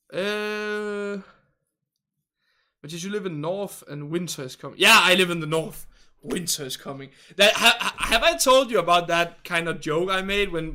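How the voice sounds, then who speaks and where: A slightly high male voice, pushed and bright, belongs to a native Dane from northern Denmark. Speaking English with a Danish accent, he runs a casual livestream, reading chat from viewers, chattering and rambling, pausing to find words and laughing often.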